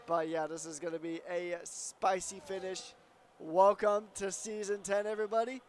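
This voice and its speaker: A man's voice: high voice, little pitch movement, moderate pace, a little hiss or hum. A man commentating a sim racing league, chatting through pit strategy and tyre choices. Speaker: race commentator.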